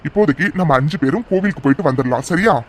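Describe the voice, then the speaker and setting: A man's voice: a little high, expressive, racing. A man voicing a doting, reassuring father in a cartoon, with fond, coaxing talk. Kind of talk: cartoon dubbing.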